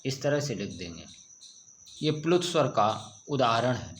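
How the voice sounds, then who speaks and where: A man's voice: mid-range voice, very animated, measured pace, a little hiss or hum. A male teacher giving a grammar lesson to students, patiently asking questions and answering them himself. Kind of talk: slow classroom grammar lesson. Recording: echoey room.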